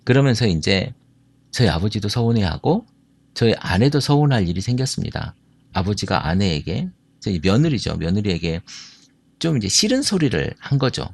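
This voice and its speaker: Low husky-voiced man telling family stories. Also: sing-song, moderate pace, darkish tone, no room sound. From Jeolla, South Korea. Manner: asks the audience questions, storytelling. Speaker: speaker on marriage and family. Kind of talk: talk to an audience.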